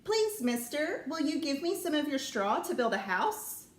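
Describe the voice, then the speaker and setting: A woman voicing a small, polite young pig in a storybook reading, with a high, sweet voice. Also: sing-song, takes it slowly, echoey room, a little hiss or hum, full character voice.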